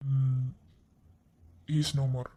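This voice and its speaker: A woman voicing a grave middle-aged male doctor who speaks slowly and hesitantly in a cartoon drama. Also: a bass voice, flat delivery, dark tone, pitched below the performer's own voice, full character voice. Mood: solemn. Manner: slow, hesitant, sorrowful delivery.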